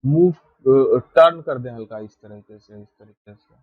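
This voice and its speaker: A man's voice: mid-range voice, measured pace, dry recording, narrow, tinny audio. A man teaching a math lesson while drawing, steadily explaining and often checking that students follow. He speaks, recorded with a close mic. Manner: steady, repeats "ठीक है" to check understanding.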